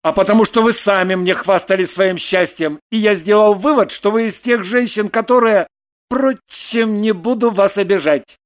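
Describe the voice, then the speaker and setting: A man's voice: sits high, moderate pace, a bit bright. Guy reading a prim huffy businessman, stiff and indignant, audiobook style. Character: prim, self-important male businessman.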